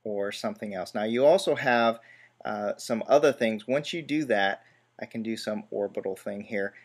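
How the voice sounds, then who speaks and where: A man's voice: lowish voice, moderate pace, husky. Man talking through a screen tutorial. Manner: step-by-step, relaxed, self-deprecating asides. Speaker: tutorial host. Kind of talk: screen-recorded software tutorial.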